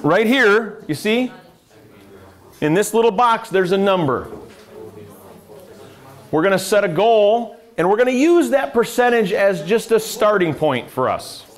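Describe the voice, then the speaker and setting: A man's voice: high-pitched, expressive, measured pace, long pauses. A middle-aged American man, a financial adviser, giving a live classroom lecture with a conversational manner, quizzing the room and dropping dry sarcastic asides. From United States. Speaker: financial adviser teaching a seminar.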